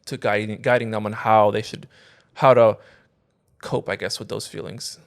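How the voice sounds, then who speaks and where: A man's voice: fairly low pitch, little pitch movement, moderate pace, creaky. A man chatting casually in a hesitant, agreeable way, feeling out his phrasing as he goes. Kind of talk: casual chat.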